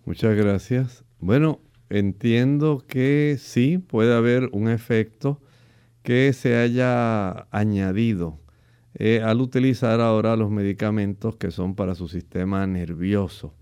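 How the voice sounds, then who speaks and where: A man, a doctor, answering callers' questions in a measured, formal, explanatory way. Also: on the low side, mellow, clean tone. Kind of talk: radio medical advice.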